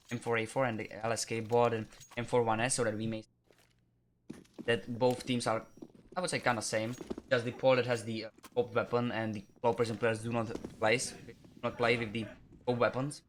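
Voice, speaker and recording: Flat-voiced male esports caster. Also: mid-range voice, a little hiss or hum. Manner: steady running commentary with frequent self-corrections. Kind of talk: live play-by-play game commentary.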